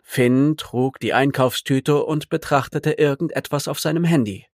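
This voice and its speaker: Calm man narrating an audiobook. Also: medium pitch, a little slow, no echo, studio quality. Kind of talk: scripted first-person narration.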